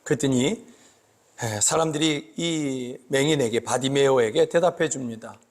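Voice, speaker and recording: A pastor giving a slow, emphatic sermon that rises into loud cries. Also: male voice, mid-range voice. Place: church sanctuary. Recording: long church reverb.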